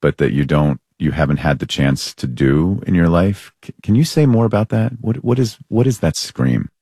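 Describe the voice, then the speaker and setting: A man hosting a show, asking gentle, searching questions with some hesitations. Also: low-pitched, expressive, moderate pace, slightly rough, dry recording, studio quality. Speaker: podcast host. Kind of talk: interview questions.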